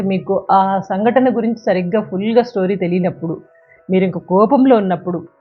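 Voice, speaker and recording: A woman's voice: mid-range voice, breathy edge. A woman giving a motivational talk that counsels listeners directly and uses everyday examples. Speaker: self-help speaker. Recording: tinny phone-like sound, faint music.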